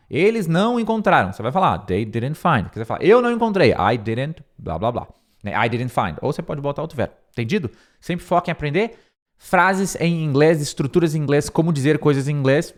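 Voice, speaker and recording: A man with a Brazilian Portuguese accent teaching English in an informal online lesson, explaining step by step and slowly repeating words for pronunciation, recorded on a close microphone. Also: fairly high pitch. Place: room with a window, at home.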